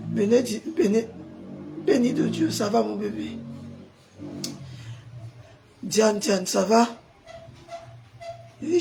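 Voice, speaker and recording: A pastor hosting a live stream, hoarse from a sore throat and forcing his voice out as he chats with viewers and answers their comments. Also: high-pitched, darkish tone, a little hiss or hum. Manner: chatty, greets viewers by name and answers comments.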